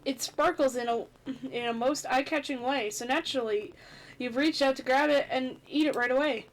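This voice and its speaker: A woman reading a story game's text aloud in a theatrical, expressive way, with casual commentary as a gaming host. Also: sits high, moderate pace, low-quality recording.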